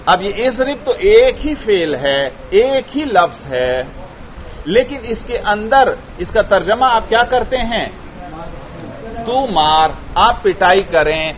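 A man's voice: sits high, very animated, fairly bright tone. A man teaching a grammar lesson to a class, often asking students questions and repeating their answers. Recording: dull lo-fi recording.

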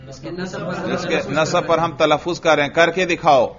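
A man's voice: fairly high pitch, steady tone, crowd noise. A male teacher leading a classroom grammar drill, asking questions and answering them himself, chanting the parsing in a sing-song. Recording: dull lo-fi sound.

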